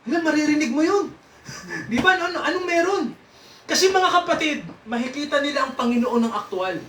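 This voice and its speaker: High, bright-voiced Filipino-language preacher. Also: male voice, lively intonation, fairly quick, slight background noise. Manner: asks the congregation questions, frequent "no?" and "sir"; chuckles often while teaching. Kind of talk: interactive Bible teaching. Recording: echoey room, mic at a distance.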